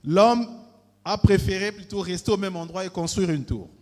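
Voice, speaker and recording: A male pastor preaching a sermon in short phrases, pausing for his interpreter and repeating "amen". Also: high-pitched, a little mellow, long reverb tail.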